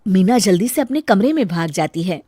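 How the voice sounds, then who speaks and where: A woman's voice: medium pitch, lively intonation, fairly quick, warm tone, slightly rough, no room sound. A woman narrating a cartoon story in plain storytelling fashion.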